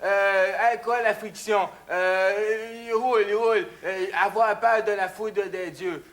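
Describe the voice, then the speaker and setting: A man's voice: high voice, fairly even intonation, slow, a bit bright. A man playing a flustered Québécois male contestant in a comedy sketch, blurting random guesses with many hesitations. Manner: hesitant, filler-heavy guessing.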